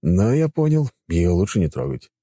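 A man's voice: deep voice, sing-song, moderate pace, dark tone, slightly rough, dry recording. A man narrating a fantasy audiobook in the first person, with wry, ironic asides.

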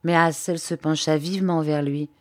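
Woman, audiobook narrator, measured reading, dry close sound. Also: low-pitched, steady tone, no echo. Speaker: audiobook reader. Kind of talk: scripted narration.

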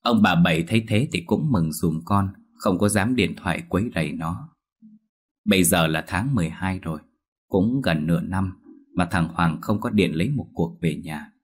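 Deep husky male ghost-story narrator. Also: normal speed.

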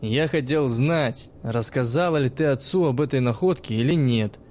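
A man playing a stern, gruff old teacher who speaks in a dry, sarcastic and sometimes menacing way. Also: medium pitch, moderate pace, a little mellow, slight background noise, lightly acted.

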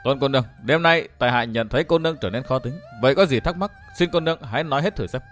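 A man reading a story aloud and voicing a calm, good-humoured young swordsman who teases gently and chuckles. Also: medium pitch, quick pace, faint music behind, close to an everyday voice. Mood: gentle teasing.

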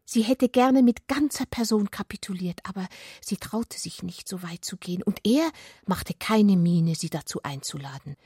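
Breathy and often lowered to a whisper, a woman's mid-range voice carries a scripted literary narration for a radio adaptation. She shapes each phrase deliberately, with intimacy and expression, and the close studio mic yields a dry, studio-quality sound.

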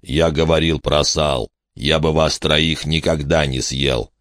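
Willy, a man doing a slow good-natured giant. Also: very deep voice, steady tone, fairly bright tone, no echo, clean studio sound. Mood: hushed. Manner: slow, plain and aggrieved. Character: huge, simple-minded, good-natured male giant.

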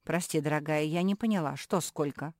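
A woman's voice: low voice, fairly quick, a little mellow, no echo, clean studio sound, natural voice. A woman voicing a prim elder female pug who lectures her sisters reproachfully, in a storybook reading. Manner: reproachful, instructive. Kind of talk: storybook character voice.

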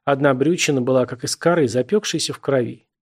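A man reading literary prose aloud as an audiobook narrator, in a steady, measured storytelling manner. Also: medium pitch, husky.

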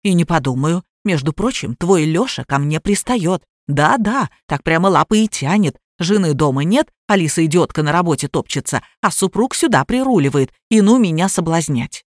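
A woman voicing a quarrelsome middle-aged mother who drinks, shrill and accusing, in a storybook reading. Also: animated, normal speed, hardly any pauses, no room sound, studio quality. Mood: scolding.

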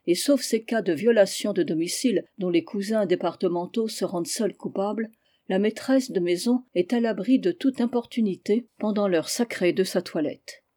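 A man reading a classic novel aloud in a measured, literary way. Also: high voice, mellow. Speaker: audiobook reader. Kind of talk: scripted narration.

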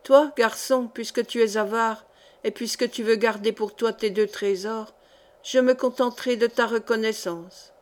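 A woman's voice: on the high side, steady tone, moderate pace, natural voice. A woman reading aloud as an old female miller who tells fortunes, commanding and solemn. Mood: brusque.

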